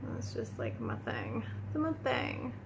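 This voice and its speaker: This woman's voice is extremely low, with vocal fry and wildly swooping pitch, and she takes her time. A beauty vlogger at home, she chats casually in a makeup tutorial, calling viewers "you guys" as she applies products and sniffles from the cold room, with background noise audible.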